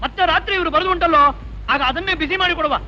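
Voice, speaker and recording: An actor playing a fussy, sarcastic hotel owner who mutters asides to himself, in old film dialogue. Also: male voice, very high-pitched, very fast, bright, forceful tone, a little hiss or hum, exaggerated voice. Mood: grumbling. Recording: dull old film soundtrack with music.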